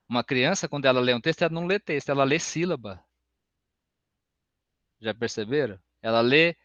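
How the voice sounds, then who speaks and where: A man giving an open music class, explaining slowly and breaking into sung solfège syllables. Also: mid-range voice, fairly bright tone, no echo. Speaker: music teacher. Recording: dull, lo-fi sound.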